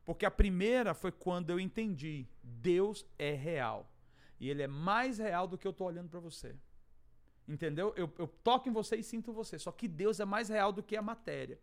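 High-voiced Brazilian man telling a dramatic story. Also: lively intonation, normal speed. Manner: dramatic, acts out dialogue, swings from hushed to shouting. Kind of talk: animated testimony storytelling.

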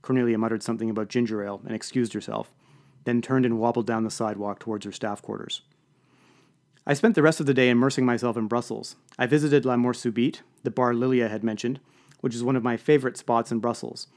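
A man's voice: mid-range voice, fairly even intonation, fast, a little mellow. A man narrating an audiobook in a dry, wry storytelling manner.

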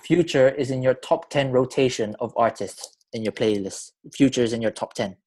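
A male podcast host chats casually in a London roadman accent. His voice sits at a middle pitch, and he talks in loose street slang, often doubling back on his phrases. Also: normal speed, a little mellow. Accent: London roadman, urban slang. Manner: slangy, informal, repeats himself.

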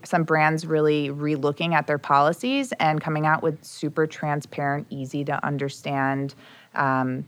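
A woman with a low voice chats upbeat on a podcast, laughing now and then as she walks through examples. The recording is dry and close, with no room sound. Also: dry recording. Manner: upbeat, laughs often, explains trends with examples. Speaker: podcast guest, strategy executive. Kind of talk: casual podcast conversation.

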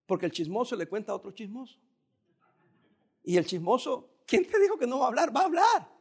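A male pastor preaching a sermon in a calm, conversational way, with occasional emphatic rises. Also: very high-pitched, a little fast, husky.

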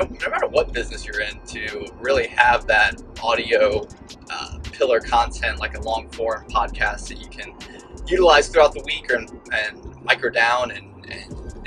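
A middle-aged man hosting a casual coaching podcast on the go, talking in a halting, rambling way with emphatic repetition, through a poor cheap mic. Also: mid-range voice. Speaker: podcast host, real estate broker. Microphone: low-quality portable mic. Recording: poor cheap mic sound, faint music.

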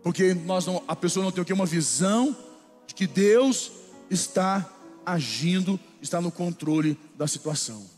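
Man, Brazilian Portuguese accent, pastor, high voice, animated sermon, soft music. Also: in a large hall. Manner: animated storytelling, turning slow and solemn in prayer. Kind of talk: sermon with storytelling and prayer.

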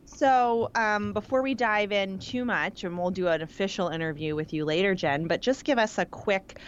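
A woman's voice: mid-range voice, normal speed, lo-fi sound, slight background noise. A woman in her thirties co-hosting a casual podcast, gushing and teasing as she chats. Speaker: podcast co-host. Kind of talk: casual chat.

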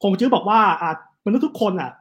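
A man, telling history stories in a casual, animated chat. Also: high-pitched, highs cut off. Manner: animated, fast storytelling with quick asides. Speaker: guest storyteller on history.

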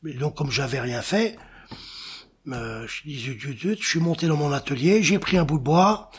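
In an interview, a Senegal-born artist, engraver and painter who grew up in Africa speaks at normal speed with a slightly high, breathy voice. The middle-aged man often pauses to find words and repeats phrases.

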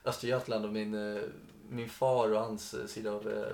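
A man's voice: fairly low pitch, level tone, creaky, a little mellow, reverberant. A man from Sweden co-hosting a podcast in casual chat, easygoing and hesitant, with many fillers. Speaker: podcast co-host.

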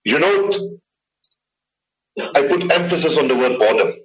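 An Islamic scholar delivers a religious lecture with slides, emphatic and repeating key phrases. His voice sits on the high side, expressive and at a moderate pace, captured in a roomy, dull lo-fi room recording.

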